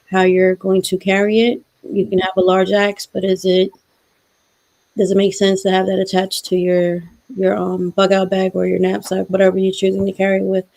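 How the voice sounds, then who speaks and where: A woman's voice: mid-range voice, creaky, darkish tone. A woman in a casual chat, giving practical, matter-of-fact advice.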